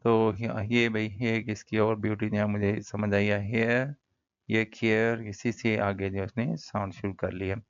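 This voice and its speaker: Slow gravelly Pakistani man teaching. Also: on the low side, flat delivery, no room sound. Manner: mixes Hindi-Urdu explanation with slow English reading; casual, addresses students as brother. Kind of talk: classroom poetry lesson. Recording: dull lo-fi recording.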